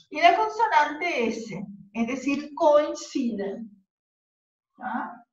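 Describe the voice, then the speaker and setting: A woman's voice: sits high, a bit bright. A woman teacher with a Rioplatense accent, giving a classroom lesson, patiently repeating key points and checking that students follow. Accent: Rioplatense Spanish. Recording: distant, echoey, muffled classroom recording.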